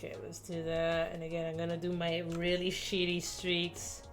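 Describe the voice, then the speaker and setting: A woman's voice: fairly low pitch, monotone, normal speed, soft background music. A young woman talking herself through a digital drawing, muttering and poking fun at her own work. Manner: self-deprecating, muttering to herself. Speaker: artist. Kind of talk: casual art-process commentary.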